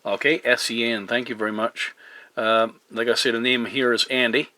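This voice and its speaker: Spelling things out in the phonetic alphabet, a Newfoundland man chats politely and hesitantly over CB radio, using radio procedure words at his home radio desk. His mid-range voice holds a steady, sharp tone at normal speed. He also makes videos, and the dry recording comes from a camera pointed at the radio.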